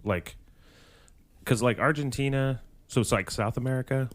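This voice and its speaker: A man's voice: medium pitch, normal speed. A man co-hosting a podcast in casual chat, making jokes and rambling with lots of fillers. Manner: jokey, rambling with many fillers.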